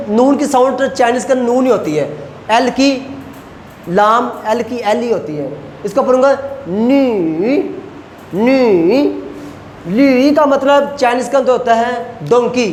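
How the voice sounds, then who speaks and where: A man teaching a language lecture, explaining slowly and repeating each point as he models pronunciations. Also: extremely high pitch, reverberant, long reverb tail, a little hiss or hum. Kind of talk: recorded classroom lecture.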